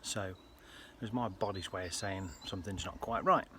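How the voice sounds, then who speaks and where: A British man with a fairly low voice talks to his viewers in a casual personal vlog. His delivery is earnest and halting. There is faint ambient noise behind him. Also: a bit bright. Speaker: health vlogger.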